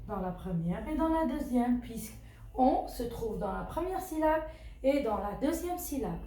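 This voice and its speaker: A woman's voice: high-pitched, mellow. A woman teacher patiently walking children through a phonics exercise, repeating words and asking questions as she goes. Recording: very echoey room with faint music.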